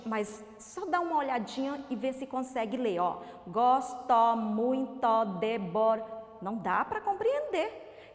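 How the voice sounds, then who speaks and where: A Brazilian woman teaching a recorded literacy lesson to young children, sounding out words slowly syllable by syllable and asking coaxing questions. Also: on the high side. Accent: Brazilian Portuguese. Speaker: primary school teacher. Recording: reverberant room.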